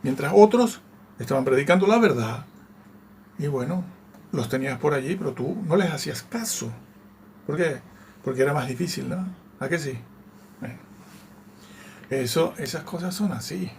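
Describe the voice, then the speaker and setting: A man's voice: fairly high pitch, expressive, moderate pace, long pauses, darkish tone, slight background noise. A man giving conversational Bible teaching, reading scripture aloud and checking in with his listeners through frequent tag questions. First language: Spanish. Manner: reads scripture aloud and comments on it.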